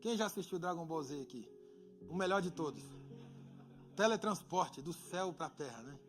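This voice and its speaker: A pastor preaching a sermon in a church, moving between hushed, conversational asides and loud, emphatic exhortation while acting out voices of people. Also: male voice, fairly high pitch, expressive, moderate pace, faint music behind.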